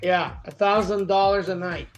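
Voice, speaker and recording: High-voiced guy chatting loose on a podcast, faint music under it. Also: steady tone, normal speed, lo-fi sound. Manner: loose, trailing off, slightly broken phrasing. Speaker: podcast co-host. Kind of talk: casual chat.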